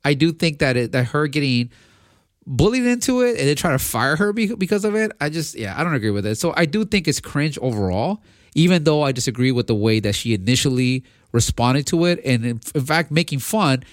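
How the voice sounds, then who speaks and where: A man's voice: a little high, lively intonation, a little fast, no echo, studio quality. A man co-hosting a podcast, giving his opinion in casual debate, often restarting and repeating words as he thinks aloud. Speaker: podcast co-host.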